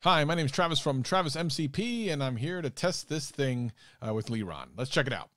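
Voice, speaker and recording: A man, a guest creator, reading a script aloud in a relaxed, casual manner. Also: a little high, fairly quick, a little hiss or hum. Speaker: guest youtuber.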